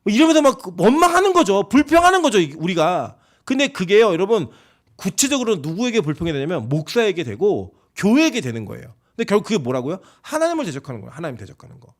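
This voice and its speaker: A man's voice: high-pitched, sing-song, quick pace. A man preaching a sermon as pastor, emphatic and conversational, often asking the congregation rhetorical questions.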